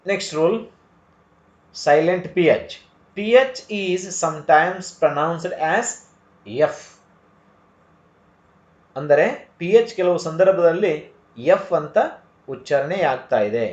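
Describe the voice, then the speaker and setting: A man with a Kannada accent teaching English pronunciation, speaking slowly and repeating each word to drill it. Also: on the high side. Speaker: English tutor. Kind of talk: slow spoken English lesson. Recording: echoey room, dull lo-fi sound.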